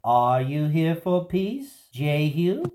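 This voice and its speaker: A man's voice: fairly high pitch, very animated, mellow. A man playing an anxious, commanding king. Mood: alarmed. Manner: quick, worried orders.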